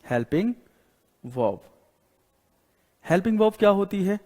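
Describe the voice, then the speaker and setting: Quizzing students and repeating rules as he writes on the board, a man with an Indian accent teaches English in Hindi in a classroom. His high voice swings widely in pitch and is unhurried and a little mellow, with long hall reverb.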